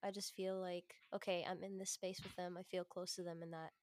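A woman's voice: fairly low pitch, little pitch movement, a little fast, darkish tone, slight background noise. Earnest young woman podcast co-host. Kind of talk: casual chat.

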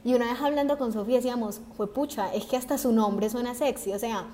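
A woman's voice: on the high side, fast, dark tone, a little hiss or hum. A young woman, a podcast guest who talks expressively with slang and emphasis. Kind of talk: casual podcast chat.

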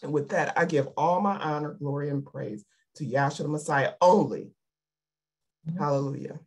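A woman's voice: low voice, normal speed, husky. A woman giving an emotional, fervent sermon over a video call, repeating her exhortations. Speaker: lay preacher.

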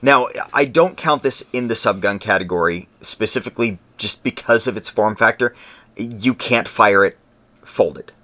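A man co-hosting a podcast, talking in a relaxed, conversational way and explaining his points at length. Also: on the low side, normal speed. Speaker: podcast co-host. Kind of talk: casual podcast chat.

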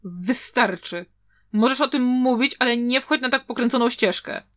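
A woman reading a sharp-tongued, disapproving young man in an audiobook, curt and sneering. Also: fairly high pitch, normal speed, lightly acted. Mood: stern warning.

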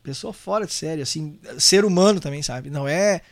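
A young man with a southern Brazilian gaúcho accent, chatting quickly and animatedly as a guest on a podcast. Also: a little high, no room sound. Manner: quick and animated, full of fillers like bah and né. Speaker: guest musician. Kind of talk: casual podcast chat.

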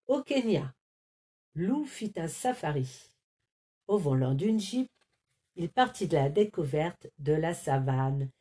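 A woman reading a children's picture book aloud, unhurried and carefully articulated. Her voice rises and falls with animated storytelling energy. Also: deep voice. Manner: expressive, clearly articulated.

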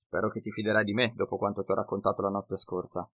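A man's voice: lowish voice, little pitch movement, fast talker, a bit bright, no echo. Man playing an earnest young knight. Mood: earnest, wary.

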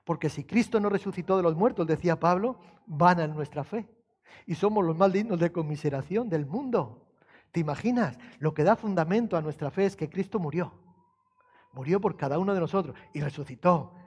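High-voiced preaching man. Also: fairly quick, breathy edge. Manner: conversational preaching with rhetorical questions and scripture quotes; swings between soft, low storytelling and raised emphatic passages. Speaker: pastor. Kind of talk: sermon.

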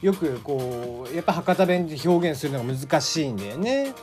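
A man's voice: fairly quick, soft background music. A man from Kagoshima with a mixed Kagoshima and Hakata accent, hosting a casual solo podcast, chatty with lots of fillers. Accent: mixed Kagoshima and Hakata dialect. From Kagoshima, Japan. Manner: chatty, many fillers, lively pitch swings. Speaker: podcast host. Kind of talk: casual solo radio talk.

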